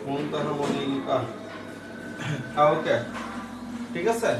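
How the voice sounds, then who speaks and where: A man teaching an online English grammar class, spelling words out slowly and checking with the class after each step. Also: a little high, steady tone, noisy background. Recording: roomy echo.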